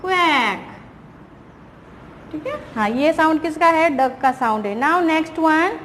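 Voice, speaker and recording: A woman teaching a primary school class, patiently asking questions and answering them herself, reading English lines slowly. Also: high voice, expressive. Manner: patient, asks and answers her own questions; reads English lines slowly, explains in Hindi. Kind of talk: recorded online class lesson. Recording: reverberant room, faint background noise.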